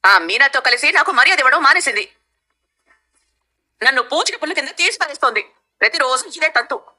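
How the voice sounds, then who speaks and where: A woman's voice: high voice, lively intonation, a little fast, pushed and bright, heavily acted, poor audio. Scheming mother-in-law. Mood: complaining. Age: middle-aged. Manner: sarcastic, scornful. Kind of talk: TV serial acting.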